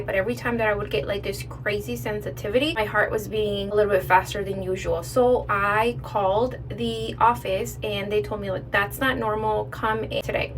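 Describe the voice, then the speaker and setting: A woman's voice: medium pitch, fairly bright tone. A young adult woman chatting casually as she tells a personal story to her viewers, in an emphatic, conversational way. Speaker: vlogger telling a personal story. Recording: distant mic with faint background noise.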